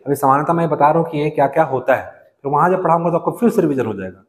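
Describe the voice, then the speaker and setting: A male teacher with a Chhattisgarh Hindi accent lectures in a coaching classroom, his fairly high voice asking the class questions and answering them himself. The sound trails off in a long reverb around the room. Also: racing.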